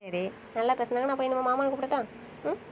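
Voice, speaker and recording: A woman's voice: high voice, fast talker, a little hiss or hum, natural voice. A woman playing a young wife who pleads and apologizes, in an audio drama recorded on a dull lo-fi track. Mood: pleading.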